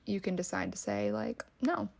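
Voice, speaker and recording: Valley girl podcast host lady, lots of fry, casual and emphatic, swears a bunch, says like constantly. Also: medium pitch, unhurried. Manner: casual, emphatic, swears freely, many "like" fillers. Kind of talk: solo podcast monologue.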